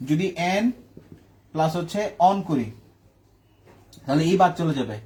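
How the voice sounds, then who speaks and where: A man's voice: fairly high pitch, expressive, unhurried, mellow. A man teaching chemistry in a classroom lecture, asking questions and answering them himself. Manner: asks questions and answers them himself, checking "ঠিক আছে?".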